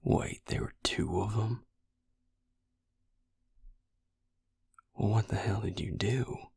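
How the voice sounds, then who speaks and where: In an intimate audio roleplay, a man plays a protective, wry vampire, speaking in a low, unhurried, gravelly, breathy near-whisper with heavy vocal fry and a darkish tone. Heavily acted and wry yet probing, he sounds exasperated but close, addressing the listener directly in a dry, tight space on a dry recording.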